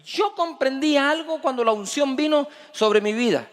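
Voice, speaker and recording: A male pastor preaching a sermon with emphatic delivery that swings between loud and hushed. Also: very high-pitched, normal speed. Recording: long reverb of a large hall.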